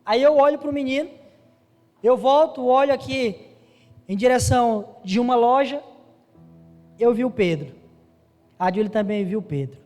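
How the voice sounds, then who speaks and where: Preacher, high voice, echoing church. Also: male voice, normal speed, long pauses, darkish tone. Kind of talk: sermon. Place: church hall. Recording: live church recording with long reverb and faint music.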